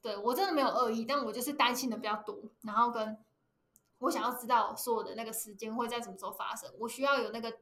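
A woman with a Taiwanese Mandarin accent co-hosts a casual podcast chat, telling stories animatedly and laughing often. Her voice sits high and bright, and she talks quickly. The room has a noticeable echo. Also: fairly even intonation. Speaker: podcast co-host.

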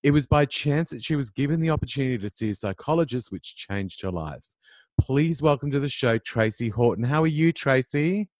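A man's voice: mid-range voice, animated, brisk, a little mellow, no echo, clean studio sound. A man hosting an interview podcast, introducing his guest and responding to her with effusive, affirming remarks. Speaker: podcast host.

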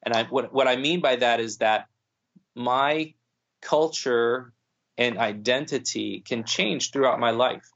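A man's voice: mid-range voice, a little slow, gravelly, a bit bright. A man speaking thoughtfully in a podcast conversation, with many restarts and fillers. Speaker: guest speaking on Islam. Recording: dull lo-fi sound.

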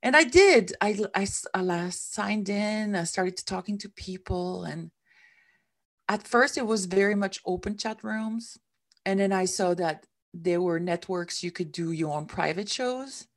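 Her voice mid-range and a little slow, a middle-aged woman from Switzerland reflects openly on her story as an interview guest. She speaks English as a non-native, with minor grammatical errors.

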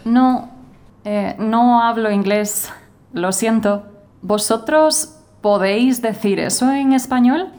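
A woman's voice: fairly high pitch, a little mellow. A woman in her twenties from Spain with a Spanish-from-Spain accent, narrating a scripted learner story as a new teacher. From Spain (Galicia). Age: 20s. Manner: slow, clear, carefully spoken.

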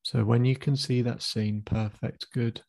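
A man acting as a therapist walks a client through a guided visualization, his gravelly, mellow voice at medium pitch. He moves slowly and calmly through step-by-step cues, counting the listener in. The sound is close and dry.

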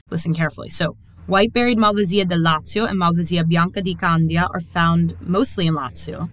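A woman hosting a podcast with a slightly low voice. She talks in a chatty, friendly way and laughs often as she moves from a prepared segment to a loose conversation. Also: fairly bright tone, rough recording. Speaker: podcast host. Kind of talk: scripted segment and casual interview.

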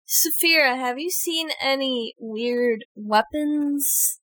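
A woman playing a tabletop game, asking practical questions in a measured way. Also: sits high, fairly bright tone, dry recording. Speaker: player. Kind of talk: casual tabletop play.

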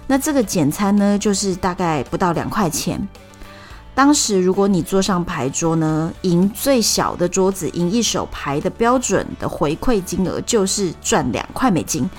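A podcast host with a Taiwanese Mandarin accent tells a story at normal speed, relaxed and chatty, her voice slightly low. She patiently explains each point and draws out her sentence particles, with soft music faintly in the background.

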